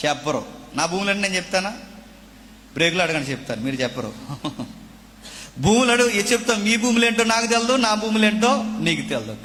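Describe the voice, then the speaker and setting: A man delivers a sermon in a somewhat high, bright, ringing voice. He quizzes his listeners with rhetorical questions, rising to loud declaiming, then dropping to hushed asides. The hall carries a long reverb over a faint background hiss. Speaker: pastor.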